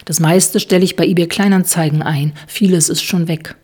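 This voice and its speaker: A relaxed middle-aged man who dodges questions with easy chatter, read by a woman narrator in her own low voice. The tone stays breathy and husky. It sounds like an audiobook scene. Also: normal speed. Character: man in his fifties, evasive, easygoing tango dancer.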